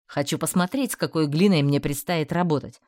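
A woman's voice: low voice, a little fast, a little mellow, dry recording, studio quality, natural voice. A woman voicing a cheerful, commanding male magister who sounds amused while giving orders. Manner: jovial and amused, yet commanding.

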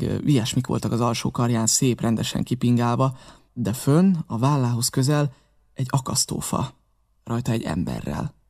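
A man reading a novel aloud in steady, measured narration. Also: medium pitch, creaky. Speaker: audiobook reader.

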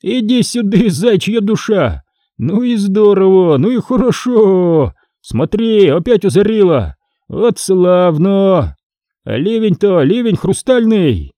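Guy doing a loud mocking blacksmith, high and bouncy, bold and boisterous. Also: sing-song, moderate pace, no room sound, studio quality, heavily acted. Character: bold, mocking chained blacksmith master, adult man.

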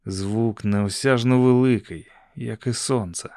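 A man's voice: medium pitch, fairly even intonation, slow, darkish tone, dry recording. Dry, ironic male narrator. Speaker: audiobook narrator. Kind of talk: scripted first-person audiobook narration.

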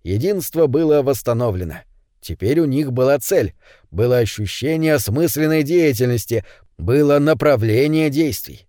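A man narrating a story as an audiobook reader, reading in an expressive, animated way. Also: mid-range voice, moderate pace, no room sound, studio quality. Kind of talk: scripted narration.

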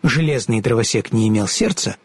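Breathy male storybook narrator. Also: mid-range voice, fairly quick, dry recording. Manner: expressive reading.

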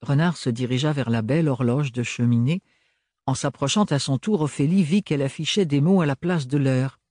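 A man reading a novel aloud as an audiobook in a measured, expressive storytelling manner. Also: mid-range voice, no echo, studio quality. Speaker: audiobook reader. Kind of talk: scripted audiobook narration.

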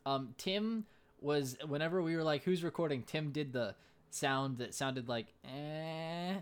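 A man's voice: a little high, normal speed. A man co-hosting a casual podcast. He talks hesitantly, with many fillers and restarts. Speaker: podcast co-host.

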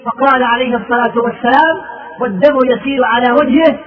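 Male preacher, high-pitched, fervent sermon delivery, lo-fi phone-line recording. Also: fairly even intonation, fast, slight background noise. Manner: fervent storytelling with quoted speech. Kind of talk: sermon narrating early Islamic battle history.

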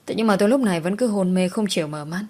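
A woman's voice: medium pitch, fast, darkish tone. A woman narrating a first-person audiobook story with a mournful, emotional delivery.

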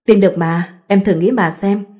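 A woman voicing an easygoing young husband who speaks calmly and reasons patiently in a read-aloud story. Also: high-pitched, moderate pace, close to an everyday voice. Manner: calm, reasoning.

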